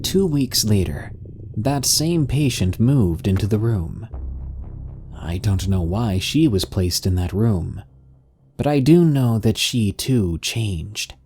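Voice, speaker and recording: A man working at a care home, from the Netherlands, reading a horror story in an earnest, steady manner over music. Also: lowish voice, slow. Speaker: care worker. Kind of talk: scripted horror narration.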